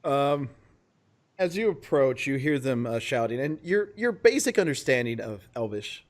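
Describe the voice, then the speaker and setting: A man's voice: medium pitch, big pitch swings, moderate pace. Laid-back male game master. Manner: loose, chuckling, with many fillers. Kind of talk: narrating a tabletop game.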